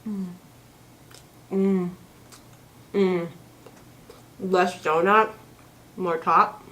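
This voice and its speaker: Bright-voiced young woman food vlogger. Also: fairly low pitch, fairly even intonation, extremely slow. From Canada. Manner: chatty, joking, trails off with "um". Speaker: food vlog host. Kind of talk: casual chat.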